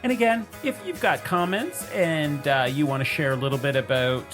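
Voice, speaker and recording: A man's voice: on the high side, moderate pace, music in the background. A man co-hosting a podcast in casual chat, wry and teasing, with dry asides. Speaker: podcast co-host.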